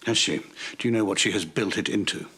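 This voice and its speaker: Commanding lord, husky, bright tone. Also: male voice, lowish voice, quick pace. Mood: angry. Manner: curt, commanding. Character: proud, angry aristocratic lord and father.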